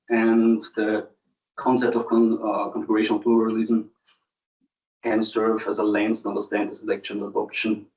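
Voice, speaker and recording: A man giving an academic thesis defence presentation in a hesitant, halting way, with frequent ums. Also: on the low side, a little mellow. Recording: distant mic, dull muffled sound.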